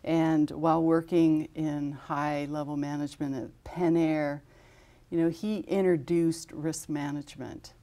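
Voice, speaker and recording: This guest from an aviation safety foundation is an American woman in her fifties with a low-pitched, dark voice. Unhurried and fairly even in intonation, she lists honorees during a television studio interview, informative and steady but with many fillers.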